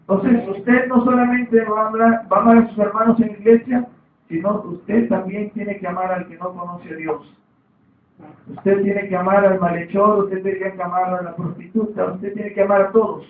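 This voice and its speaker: A man's voice: high-pitched, steady tone, normal speed, slight background noise. A man preaching a sermon, repeating his points and calling for amens. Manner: repetitive, calls for amen. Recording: echoey, distant, phone-like sound.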